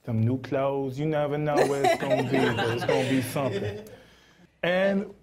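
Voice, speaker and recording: A man's voice: mid-range voice, normal speed, loud music behind the voice. A man hosting a live show, making announcements in a playful, laughing, announcer-like way. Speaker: host. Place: live event with audience. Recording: loud crowd and background noise.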